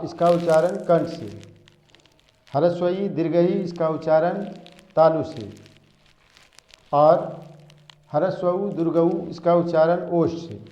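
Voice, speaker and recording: Slow, methodical male Hindi teacher. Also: a little high, dark tone. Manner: slow, repetitive drilling of points. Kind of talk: classroom lesson. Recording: echoey room, dull lo-fi sound.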